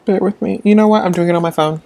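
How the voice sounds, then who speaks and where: A man's voice: high-pitched, fairly even intonation, fast talker, warm tone. A young man hosting a casual live stream, chatting with viewers while getting frustrated with his tablet and phone. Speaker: livestream host.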